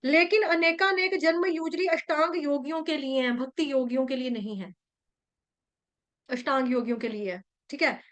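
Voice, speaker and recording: Her voice sits high as she teaches a devotional scripture class, mixing Hindi and English in her explanations and chanting Sanskrit verses slowly.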